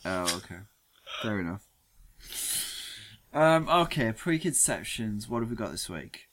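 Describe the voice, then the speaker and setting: Low-ish voiced guy hosting a casual chat, dry jokes, moves things along. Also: sing-song, measured pace, fairly bright tone, slight background noise. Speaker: podcast co-host.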